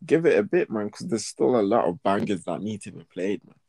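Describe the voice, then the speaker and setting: A man's voice: fairly low pitch, animated, a little fast, gravelly, warm tone, slightly rough, no room sound. A young man with a London roadman accent, chatting casually in teasing, slang-heavy banter. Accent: London, urban roadman slang style. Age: young adult.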